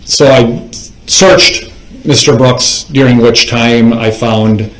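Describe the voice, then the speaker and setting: A man testifying in court as a police officer, giving formal, measured, report-style answers. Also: mid-range voice. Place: indoors in a courtroom. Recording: echoey courtroom microphone.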